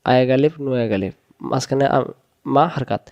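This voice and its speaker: A man teaching Quran reading, sounding out Arabic syllables one at a time and then joining them in a slow recitation lesson. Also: mid-range voice, a little mellow, lo-fi sound.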